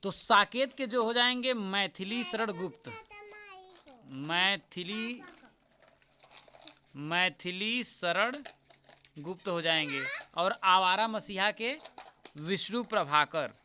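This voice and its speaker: A man teaching as an exam tutor, going through a paper answer by answer, repeating the key answers slowly and often checking with "right?". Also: high-pitched, pushed and bright, slight background noise. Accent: Hindi. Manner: repeats answers slowly, keeps asking "ठीक?"; addresses viewers as friends.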